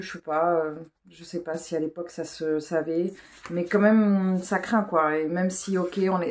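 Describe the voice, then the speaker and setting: A woman's voice: on the low side, darkish tone. A woman chatting casually for a vlog, informal and hesitant as she thinks aloud. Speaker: vlogger. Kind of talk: casual rambling vlog chat.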